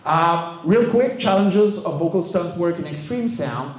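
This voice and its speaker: A middle-aged man, a native French speaker, gives an informal conference talk as a guest speaker, voice director and vocal stunt coach. His high voice is animated, and he speaks a little slowly. Recorded at an indoor game developer meetup venue, the audio is roomy and echoing.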